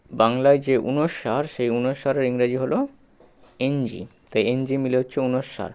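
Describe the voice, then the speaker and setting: Man, spelling teacher, smooth clear voice, patient and repetitive. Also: mid-range voice, a little mellow. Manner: breaks words into letters, repeats, checks understanding. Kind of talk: slow spelling lesson.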